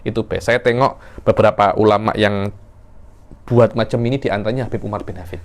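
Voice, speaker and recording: Man, religious teacher, animated classroom lecture with sudden pitch jumps. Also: brisk. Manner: animated, acts out verse intonation with sudden pitch leaps. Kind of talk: classroom lecture on Quran recitation.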